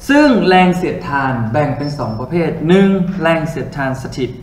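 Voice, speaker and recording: A man's voice: fairly high pitch, expressive, a little fast, slight background noise. A man tutoring physics in a classroom lecture, chatty and joking with his students as he works through problems on the board. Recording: roomy classroom with faint ambience.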